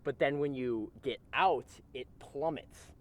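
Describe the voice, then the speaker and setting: A man's voice: medium pitch, a little slow, a little hiss or hum. A young man in ice-cold water, casually explaining things in conversation outdoors. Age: young adult. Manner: talking while immersed in ice-cold water. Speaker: interviewed cold-plunge enthusiast. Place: outdoors in a frozen lake.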